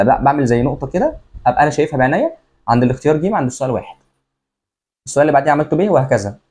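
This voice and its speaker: A man's voice: on the high side, darkish tone. A young man with an Egyptian Arabic accent, casually walking students through exam tips, repeating each step aloud. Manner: rapid, repetitive, walks through steps aloud.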